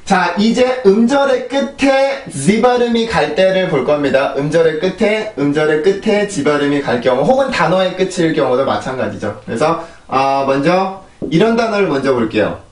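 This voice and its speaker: Male pronunciation teacher, fairly high voice, slightly distant from the mic, patient drills. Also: lively intonation, moderate pace. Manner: explains patiently and models words by repetition. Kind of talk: pronunciation lesson. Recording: echoey room, voice a bit off-mic.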